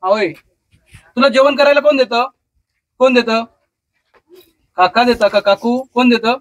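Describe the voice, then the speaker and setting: A woman's voice: on the high side, measured pace, dry recording, muffled recording. A woman coaxing a pet crow to speak, repeating single words in a sing-song, patient way. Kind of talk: coaxing talk to a pet bird.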